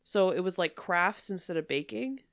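A woman with a fairly low, clear voice chats casually as a podcast host. She is stuffed up with a cold, giggly and loose in her talk. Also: lively intonation, moderate pace, fairly bright tone. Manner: giggly, frequent filler "like". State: congested with a cold, blocked nose.

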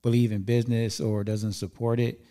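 A man's voice: fairly low pitch, little pitch movement, moderate pace, mellow, clean tone. A man in his forties hosting a podcast, giving candid, casual advice and swearing now and then. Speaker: podcast host. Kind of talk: casual chat.

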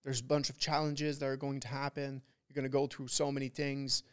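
A man's voice: medium pitch, little pitch movement, brisk, clean tone. A man talking like a frat bro in a casual motivational podcast chat, emphatic and preachy, repeating his points for weight. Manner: frat-bro talk, peppered with bro, dude and swearing; emphatic, repetitive, preachy pep talk. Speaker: podcast guest, trader who runs a trading community.

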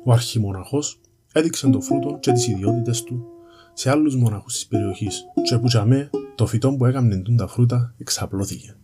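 A man with a Cypriot Greek accent narrates an educational piece in a conversational storytelling style, explaining things informally and directly to the listener. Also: mid-range voice. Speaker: presenter of an educational series on language history.

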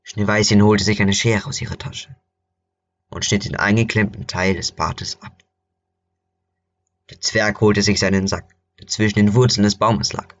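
Low-voiced man narrating a story. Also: fairly even intonation, a little slow, pauses often, muffled recording.

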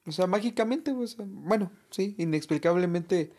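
A man's voice: high-pitched, normal speed, a little mellow. Slangy Mexican man musing aloud. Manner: speculative, slangy, thinks aloud with many restarts. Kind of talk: casual podcast chat.

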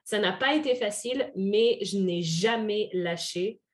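Woman, from France, French accent with some Québécois, earnest, halting with fillers, podcast guest. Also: mid-range voice. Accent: French, picked up some Québécois. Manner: earnest, many fillers and restarts. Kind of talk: casual podcast interview.

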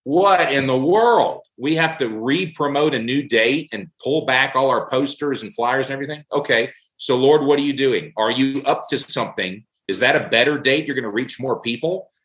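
A middle-aged man speaks at an ordinary mid pitch in a casual faith discussion. He tells stories earnestly and drives his point home by repeating phrases. The recording has a roomy echo. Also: normal speed, hardly any pauses, a bit bright.

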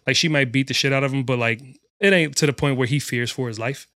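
A man's voice: mid-range voice, fast talker, fairly bright tone. A man co-hosting a casual podcast debate, talking bluntly and profanely, rambling with lots of fillers. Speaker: podcast co-host.

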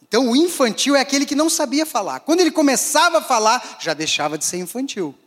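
A high-pitched man preaches to a gathering, his voice ringing with a long hall echo. He swings dramatically between raised, emphatic lines and hushed, drawn-back ones. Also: big pitch swings, quick pace. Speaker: pastor. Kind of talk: sermon.

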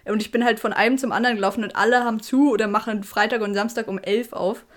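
A woman's voice: fairly high pitch, fairly even intonation, quick pace. A young woman from Switzerland co-hosting a podcast, chatting casually with friends and rambling with laughs. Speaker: podcast co-host. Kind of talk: casual chat.

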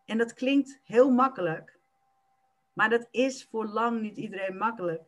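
A woman coach speaks in a podcast interview, her voice sitting a little high. She explains calmly and now and then slips into rapid acted-out self-talk. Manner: acts out inner self-talk in quick bursts.

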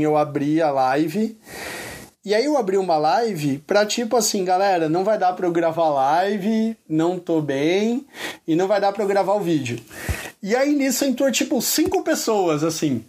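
A man's voice: fairly high pitch, a little mellow, slight background noise. A man speaking as an interview guest, telling a candid personal story in an earnest, colloquial way with lots of casual fillers.

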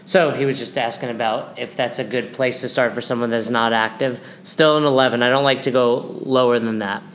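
A man's voice: mid-range voice, steady tone, a little fast, a bit bright, poor audio. A man hosting as a nutrition coach, explaining things in casual, instructional talk.

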